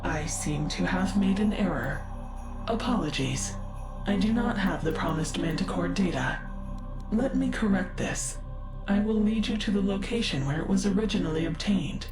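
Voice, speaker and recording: Sounding puzzled, an actress plays a cultured, wistful ship AI who is curious and analytical, speaking scripted game lines with careful, formal precision. Her medium-pitched female voice is close to everyday speech, echoing over game music.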